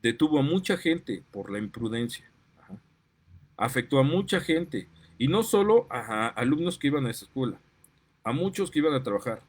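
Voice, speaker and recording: A man's voice: medium pitch, big pitch swings, moderate pace, slightly rough. A man with a Mexican accent, a parent giving an impassioned, indignant monologue that keeps getting heated. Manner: indignant, gets worked up, apologizes for outbursts. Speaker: parent and commentator.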